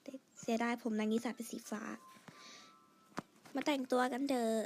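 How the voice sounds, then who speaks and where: A woman chatting quietly through her game, pleading for lucky draws and gushing over outfits. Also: a little high, fairly even intonation, moderate pace, a little hiss or hum. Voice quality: quiet, soft-spoken. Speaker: gamer narrating her play. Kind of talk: casual game commentary.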